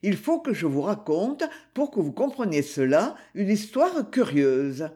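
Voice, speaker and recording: A woman voicing a hunted male taxi driver in an audiobook, speaking in a measured, firm way. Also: fairly low pitch, very animated, dark tone. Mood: earnest firm. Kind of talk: audiobook character voice.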